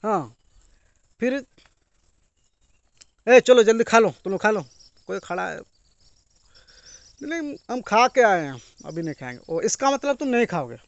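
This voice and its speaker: Casual online tutor, male, higher voice, dry close recording. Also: sing-song, no room sound, dull audio. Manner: repetitive, slow when stating English phrases. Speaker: English teacher and YouTuber. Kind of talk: casual Hindi-English lesson.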